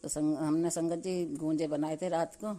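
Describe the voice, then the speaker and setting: A woman's voice: sits low, little pitch movement, mellow. A middle-aged woman from Delhi giving a devout, repetitive testimony to her congregation, often breaking off words and starting over. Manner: devout, repetitive, many restarts; halting, cuts off words midway. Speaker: devotee sharing testimony.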